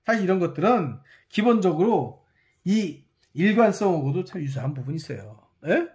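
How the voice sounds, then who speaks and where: A university professor delivers a recorded lecture with a lively, swooping voice. The talk keeps returning to key words and prodding listeners with short questions and a checking "yes?". It is the manner of someone explaining while writing and sketching on screen. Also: medium pitch, moderate pace.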